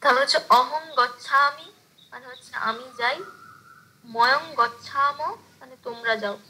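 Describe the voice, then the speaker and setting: High, bright young woman answering slowly. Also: steady tone, poor audio. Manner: slow, careful recitation. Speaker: student. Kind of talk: answering in class.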